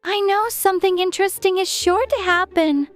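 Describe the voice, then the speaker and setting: A man's voice: very high voice, fairly even intonation, normal speed, fairly bright tone, faint music behind, pitched above the performer's own voice. A man voicing Alice, a curious, polite little girl who chatters to herself in a prim, wondering way.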